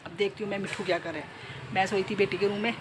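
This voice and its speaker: Her voice is mid-range and fairly even, and she speaks quickly: a Jammu woman who vlogs and does beauty work, chatting playfully from home on a phone camera. She addresses viewers directly with lots of tag questions, while noticeable noise sits in the background.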